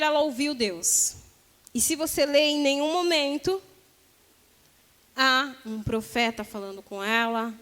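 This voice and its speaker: A Brazilian woman preaching a sermon, telling the story in a lively way and acting out the voices of the people in it. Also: high-pitched, in a large hall. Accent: Brazilian Portuguese.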